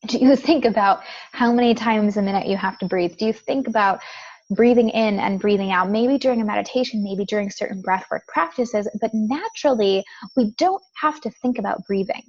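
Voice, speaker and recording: An earnest woman delivers a spiritual teaching monologue, circling back to the same phrases to drive her point home. Her voice sits at an ordinary middle pitch for a woman. The audio is a little dull and lo-fi. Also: fairly quick, a little mellow. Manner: earnest, repetitive, occasional light laughs. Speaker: manifestation coach.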